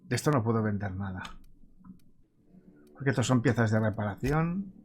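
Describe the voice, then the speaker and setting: A man's voice: fairly low pitch, animated, moderate pace, a little mellow, slight background noise. A man casually commenting as he plays a video game, musing aloud to himself. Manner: musing aloud, chatty asides. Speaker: let's play host.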